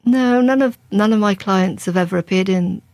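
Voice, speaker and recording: An English crime writer, a woman, answers interview questions as a guest in a reflective, conversational way, often restarting her sentences. Her mid-range voice is a little mellow and moves at a moderate pace, with no echo.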